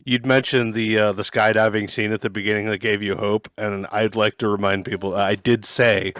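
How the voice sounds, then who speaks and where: A man's voice: on the low side, level tone, moderate pace, fairly bright tone, dry recording. A man guesting on a podcast, dryly and sarcastically recounting film scenes in casual chat.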